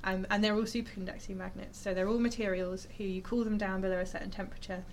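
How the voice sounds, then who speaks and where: A woman talks through the science in a loose, excited way, stopping and starting with ums and quick fixes as she goes. Her pitch sits in an ordinary middle range. A faint hiss runs underneath. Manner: chatty and enthusiastic, full of fillers and self-corrections. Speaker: scientist explaining cryogenics. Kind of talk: informal science explanation to an audience.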